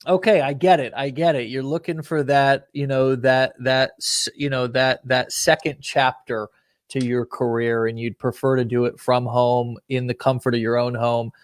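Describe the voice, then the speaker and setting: A man's voice: mid-range voice, fairly even intonation, moderate pace, dry recording. A man hosting an interview on a call, upbeat and joking, calling his guest "man". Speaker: host.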